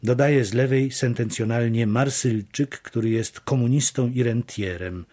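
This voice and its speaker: A man reading literary prose as an audiobook, measured and deliberate. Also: mid-range voice, mellow. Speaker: audiobook narrator.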